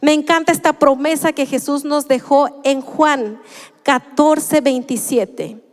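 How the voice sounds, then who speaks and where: High-voiced woman preaching. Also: fairly even intonation, big-room sound. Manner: earnest, measured, slow for emphasis. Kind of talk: sermon. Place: church.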